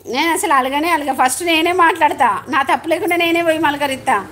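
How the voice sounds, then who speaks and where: A middle-aged woman talks to her live-stream viewers in a high, chatty voice. She laughs easily and greets people as she goes. A faint hum sits behind her. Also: a little fast, a bit bright. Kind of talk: casual chat on a live stream.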